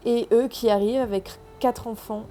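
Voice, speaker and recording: A woman's voice: a little high, steady tone, normal speed, mellow, soft background music. A South American woman who has lost her accent, giving a sarcastic, slangy film review in casual vlog style.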